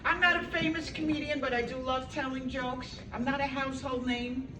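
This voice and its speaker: A Brooklyn woman in her 70s does a chatty, self-deprecating stand-up set at a senior center hall, trading banter with the crowd in a high, steady voice at normal speed. The recording is distant and echoey, with a loud audience, and their reactions and room noise fill the background.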